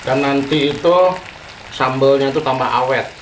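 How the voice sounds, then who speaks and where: Indonesian-accented male cooking host, mid-pitched, chatty, echoey kitchen with frying sizzle behind. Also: flat delivery, normal speed, noisy background. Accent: Indonesian, with Sundanese terms. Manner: chatty, friendly, ends phrases with "ya". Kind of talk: home cooking tutorial. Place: home kitchen.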